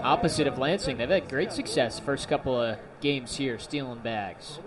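A man's voice: medium pitch, moderate pace, distant mic, a crowd in the background. A man giving casual colour commentary on a live baseball broadcast.

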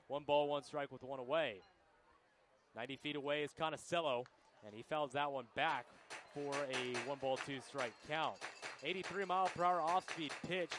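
A man's voice: fairly high pitch, a bit bright, a little hiss or hum. A man doing live baseball play-by-play commentary for a radio broadcast. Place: ballpark broadcast booth.

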